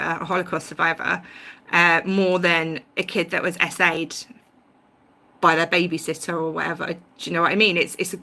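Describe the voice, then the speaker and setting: A woman with a lowish, bright voice and a forceful tone hosts a casual YouTube livestream on a home mic. She talks through her views at length, rambling with lots of ums and restarts, and she's aware of her own tangents.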